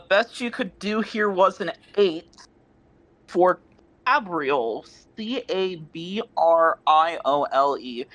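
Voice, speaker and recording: Bright-voiced man explaining words. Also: fairly high pitch, poor audio. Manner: explanatory, spells words out letter by letter. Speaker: dictionary expert. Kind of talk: explaining best possible words.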